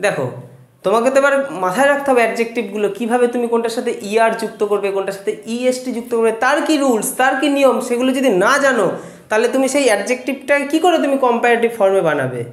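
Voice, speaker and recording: A man teaching grammar to students, explaining rules patiently step by step and slowing down to repeat example words. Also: very high voice. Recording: echoey room.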